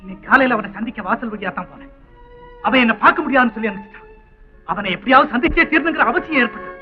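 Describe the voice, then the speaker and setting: A man's voice: extremely high pitch, racing. An actor playing an earnest young son who pleads with his father, in a 1960s film melodrama, on a dull old soundtrack with faint music. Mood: pleading.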